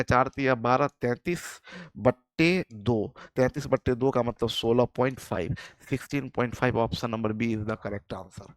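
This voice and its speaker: A man's voice: medium pitch, no room sound, studio quality. A man teaching a live online maths class, explaining each step and often asking the class whether they follow. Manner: explains step by step, often asks the class "yes or no", calls students "friend".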